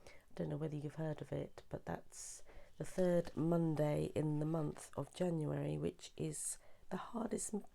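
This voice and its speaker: Hoarse, gravelly woman. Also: deep voice, dark tone. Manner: chatty, meandering, with many restarts. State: hoarse from a sore throat. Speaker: papercraft demonstrator. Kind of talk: craft tutorial.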